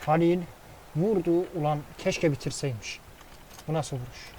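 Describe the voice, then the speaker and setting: Excitable man calling a football game. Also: fairly high pitch, unhurried, slight background noise, poor audio. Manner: excitable play-by-play, swears casually. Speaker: gaming commentator. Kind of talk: casual football game commentary.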